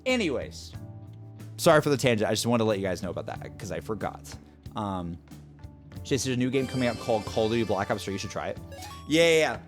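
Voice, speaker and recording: A man's voice: fairly low pitch, expressive, quick pace, soft background music. A man streaming a game, chatting casually and rambling to his chat. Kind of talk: casual gameplay commentary.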